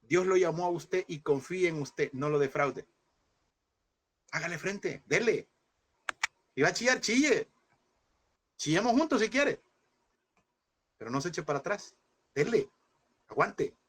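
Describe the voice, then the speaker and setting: A man in his thirties preaches passionately to a seminary class in a fairly high voice, emotional and speaking through grief. Calling his listeners "hermano" (brother) again and again, he urges them to persevere. His intonation is lively, his pace measured, with long pauses.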